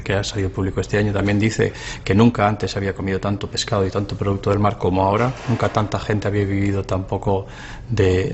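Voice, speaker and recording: A man's voice: fairly low pitch, creaky, lo-fi sound, noisy background. A man, a geologist and oceanographer, explaining facts in an interview in an earnest, explanatory way. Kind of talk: interview answers.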